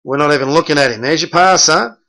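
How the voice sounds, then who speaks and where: A man's voice: on the high side, fast, bright, forceful tone, rough recording. A middle-aged man, a basketball coach reviewing game film and bluntly correcting his players by name.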